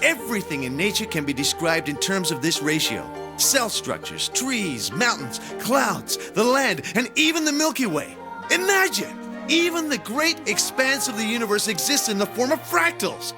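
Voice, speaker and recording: Idealistic cartoon math teacher: theatrical, fervent, wildly varied pitch, music behind. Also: male voice, big pitch swings, moderate pace. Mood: fervent, exalted. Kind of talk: animated drama dub.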